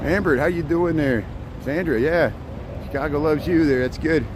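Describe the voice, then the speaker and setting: A man's voice: fairly high pitch, moderate pace. Chatty man streaming on a noisy street. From Indiana, US Midwest. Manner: rambling and chatty, laughs often. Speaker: livestream host. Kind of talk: casual walking livestream chat. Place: outdoors on a busy city street. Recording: street traffic noise behind.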